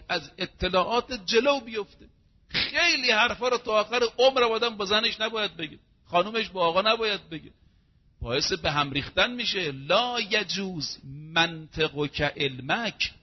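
A man preaching a sermon in an emphatic, rhetorical way, piling up examples in quick runs. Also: high voice, muffled recording.

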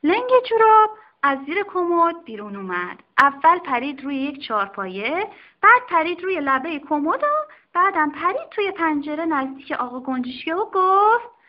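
Woman, storybook narration, expressive, high voice, dull lo-fi sound. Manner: expressive, sing-song. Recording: dull lo-fi recording.

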